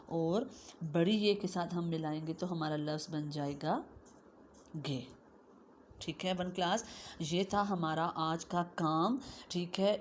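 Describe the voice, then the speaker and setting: A woman teacher giving a slow lesson to young children, drawing out syllables and often checking in with "okay". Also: on the low side, a little hiss or hum.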